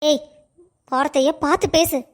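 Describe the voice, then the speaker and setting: A woman's voice: sits high, steady tone, moderate pace, lightly acted. A woman voicing a scornful middle-aged mother-in-law who taunts and accuses. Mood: indignant.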